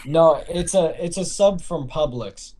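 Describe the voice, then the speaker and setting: A man's voice: on the high side, unhurried, a little mellow. A man guesting on a podcast as a band member, hesitant and repeating himself in casual talk.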